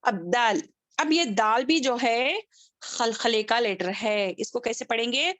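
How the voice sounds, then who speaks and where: A woman's voice: a little high, a bit bright, no echo. Woman teaching on a video call. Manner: drills letter sounds by repeating them slowly; checks understanding with frequent questions. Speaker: Quran recitation teacher. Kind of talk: online tajweed lesson.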